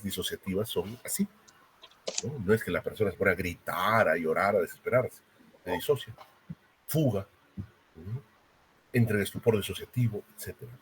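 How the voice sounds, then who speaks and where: A man's voice: lowish voice, a little hiss or hum. A man giving a university lecture, explaining step by step and often checking in with a tag question.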